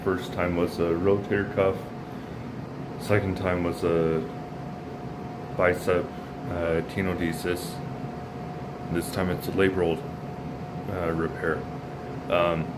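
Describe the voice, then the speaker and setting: A man giving a casual video diary, weary, subdued and halting with long pauses, sounding weak and in pain after surgery. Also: sits low, flat delivery, very noisy.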